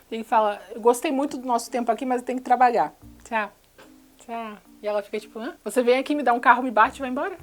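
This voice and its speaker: Fast-talking sarcastic Brazilian woman. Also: fairly high pitch. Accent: Brazilian Portuguese. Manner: sarcastic, rapid storytelling. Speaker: channel host. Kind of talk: casual film recap.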